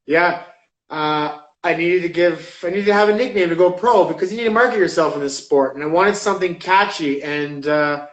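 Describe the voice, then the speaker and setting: A man's voice: a little high, normal speed, roomy sound, muffled recording. A man in his thirties, a pro fighter, chatting casually in an interview, rambling with lots of fillers. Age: 30s. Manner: rambling, lots of likes and uhs.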